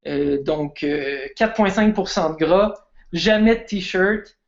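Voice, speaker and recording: A man's voice: fairly high pitch, slow, vocal fry, muffled recording. A man, a guest film expert chatting casually and enthusiastically on a stream.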